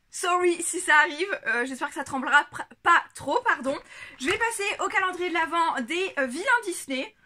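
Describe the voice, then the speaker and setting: A woman vlogger chatting casually to a camera on a tripod, giggling often and filling pauses with lots of hesitations. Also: very high-pitched, animated, pushed and bright. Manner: chatty, giggly, many fillers. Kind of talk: casual unboxing chat.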